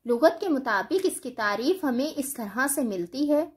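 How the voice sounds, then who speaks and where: Female teacher, high voice, measured scripted lecture delivery. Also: animated. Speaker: Urdu teacher.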